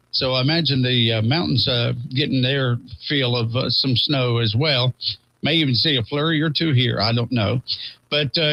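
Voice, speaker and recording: A man's voice: on the high side, pushed and bright, low-quality recording. A man hosting a morning radio show, chatting casually with lots of filler words from a studio.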